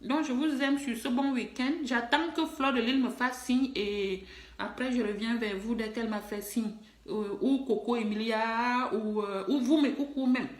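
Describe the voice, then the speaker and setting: Middle-aged woman, high-pitched, emphatic and scolding, direct-to-camera social post, echoey room. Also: fairly even intonation, moderate pace. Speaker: online personality and musician. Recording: roomy echo.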